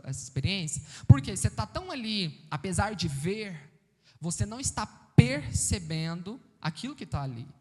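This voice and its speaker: A man with a Brazilian accent preaching a sermon, explaining a passage and asking the congregation questions. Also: sits high. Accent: Brazilian Portuguese. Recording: reverberant church hall.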